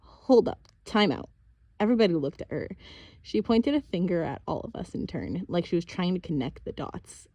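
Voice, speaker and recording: Mellow dry-voiced woman narrating an audiobook. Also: lowish voice, lively intonation, brisk, dry recording, lo-fi sound. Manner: casual first-person storytelling.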